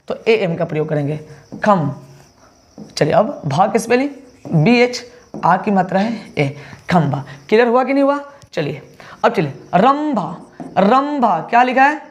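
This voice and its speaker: A male teacher giving an online exam-prep lesson, spelling words letter by letter and answering his own questions. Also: high voice. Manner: asks questions then answers them himself.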